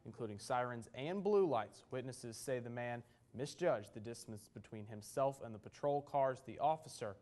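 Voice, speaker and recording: A man's voice: medium pitch, normal speed, few pauses. Male local news anchor. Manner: steady broadcast delivery. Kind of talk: scripted newscast.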